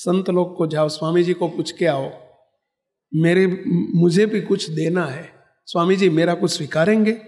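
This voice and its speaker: A man's voice: sits high, steady tone, normal speed, a little mellow, big-room sound, natural voice. A man voicing a poor, humble elderly woman who earnestly calls out and pleads. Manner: calling out, earnest and imploring.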